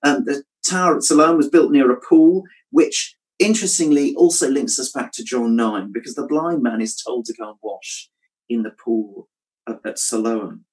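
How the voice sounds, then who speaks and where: A man preaching a reflective sermon, asking rhetorical questions and dropping his voice softly when quoting scripture. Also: mid-range voice, moderate pace, rough recording. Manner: reflective, asks rhetorical questions, drops soft at quotes.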